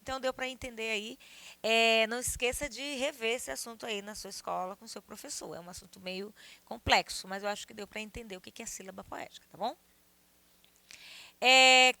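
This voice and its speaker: Lady teacher explaining poetry meter, bright voice, dry close mic, keeps asking if u get it. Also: a little high, dry recording. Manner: explanatory, checks understanding with tags like "tá?" and "né?". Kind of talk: video lesson explaining poetic meter.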